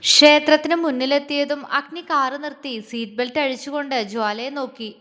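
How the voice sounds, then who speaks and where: A woman storyteller reads a romance story aloud in a gentle, expressive way. Her voice sits high and sounds bright. A long reverberant tail hangs on her words. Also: fairly quick. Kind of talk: scripted romance story narration.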